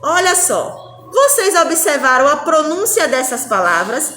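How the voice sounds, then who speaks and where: A woman teaching young children a phonics lesson, speaking slowly and patiently with a Brazilian Portuguese accent and often asking the children whether they agree. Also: high voice, sing-song, sharp tone, echoey room, a little hiss or hum, low-quality recording. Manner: slow, patient, spells out sounds. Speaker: primary school teacher. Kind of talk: recorded classroom lesson.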